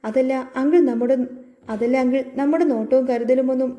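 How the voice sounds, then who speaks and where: An anxious young man pleading for answers, read out by a woman in a high, mellow voice. Her tone stays close to her plain narration. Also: a little fast, dull audio, close to an everyday voice.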